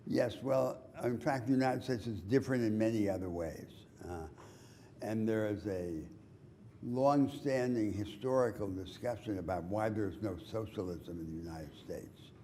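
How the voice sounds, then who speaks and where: A man giving a university lecture in a lecture hall, explaining in a measured, deliberate way with emphatic rises. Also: on the low side, warm tone, a little hiss or hum.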